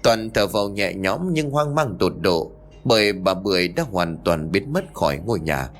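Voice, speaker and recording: Male storyteller for an audio ghost story, low and expressive, suspenseful. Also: moderate pace. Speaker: narrator. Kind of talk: dramatic ghost story narration.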